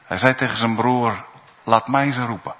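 A man preaching a sermon in a church, slow and emphatic, with pauses and rising calls. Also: medium pitch. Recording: dull recording in a reverberant church.

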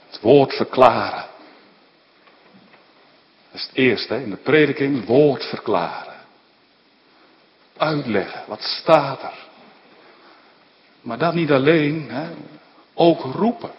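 A man preaching a sermon, repeating urgent calls and then explaining them slowly. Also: fairly high pitch, long reverb tail, highs cut off, slight background noise.

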